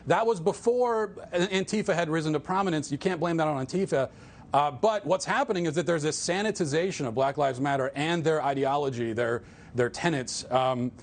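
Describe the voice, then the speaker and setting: Gravelly guest, earnest and halting. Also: male voice, on the high side. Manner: earnest, halting with repeated restarts. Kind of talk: political interview.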